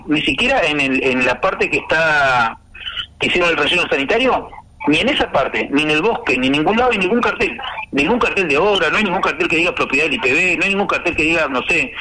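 A man's voice: on the high side, bright, forceful tone, low-quality recording. An Argentine man, a guest in an interview, explaining insistently and piling up examples. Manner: insistent, piles up examples, trails off with "no sé". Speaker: interview guest, housing activist.

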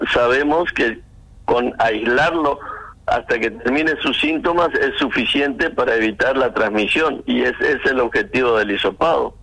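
A man with a bright, forceful, medium-pitched voice answers questions in a phone interview, heard over a phone line. His explanations are measured and methodical, with frequent hesitant restarts.

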